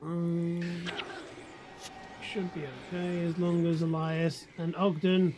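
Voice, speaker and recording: A man's voice: on the high side, flat delivery, slow, noisy background. A man giving casual, chatty commentary over his gameplay, sleepy and yawning, joking at his own expense as he talks to his chat. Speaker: gaming video creator.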